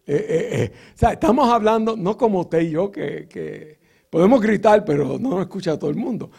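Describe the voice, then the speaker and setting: A man's voice: high voice, animated, normal speed, creaky, darkish tone, slightly rough. A man preaching a sermon, teaching Bible verses with rhetorical questions and frequent filler sounds.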